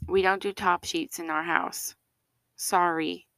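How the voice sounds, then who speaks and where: Chatty woman podcast co-host, lowish voice, dry close sound, casual with playful whispered asides. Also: fairly even intonation, slow pace, fairly bright tone, dry recording. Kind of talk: casual chat.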